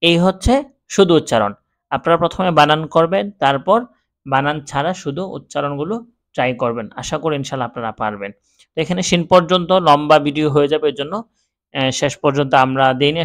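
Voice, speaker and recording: A man's voice: fairly high pitch, brisk. A man teaching Quran reading in a Bangladeshi Bengali accent, patiently spelling each letter and vowel mark before saying the syllables aloud. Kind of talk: spelling-drill lesson.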